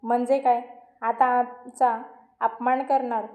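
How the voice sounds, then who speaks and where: Woman reading as a loud, bullying uncle. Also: on the high side, flat delivery, takes it slowly. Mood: angry. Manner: loud, scolding. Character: stubborn bullying middle-aged uncle. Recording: roomy echo.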